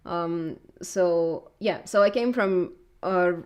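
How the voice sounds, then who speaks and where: A woman's voice: on the low side, slow, darkish tone, clean tone. A woman in her thirties from southern Russia, with a Russian accent, who chats casually and hesitantly in an interview and fills her talk with many filler words. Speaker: YouTuber being interviewed.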